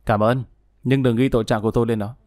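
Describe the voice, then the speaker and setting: A man's voice: medium pitch, steady tone, quick pace, darkish tone, no echo, close to an everyday voice. A condemned killer waiting to be shot, gloomy and self-pitying, as a male storyteller plays him. The voice sits in the narrator's own mid-range, read dry and close to the mic. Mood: bleak. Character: condemned male murderer, remorseful and bleak.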